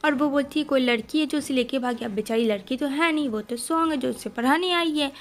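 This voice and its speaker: A woman's voice: high voice, brisk. A woman recapping a drama film in a casual, chatty way, talking straight to her viewers as friends and mixing English words into her speech. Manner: mixes English words into Hindi. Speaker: movie recap narrator.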